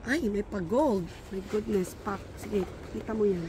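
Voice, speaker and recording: A young woman chatting casually and haggling with lively exclamations while shopping outdoors at a sunny beach. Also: mid-range voice, measured pace. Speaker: vlogger and shopper. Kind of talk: casual chat while bargaining. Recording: outdoor beach noise behind.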